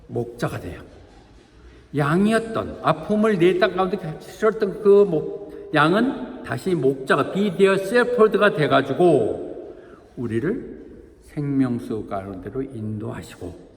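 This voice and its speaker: Male pastor, animated conversational sermon, long church-hall reverb. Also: medium pitch. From Korea. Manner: lively, chatty preaching with asides to the congregation and playful acted quotes.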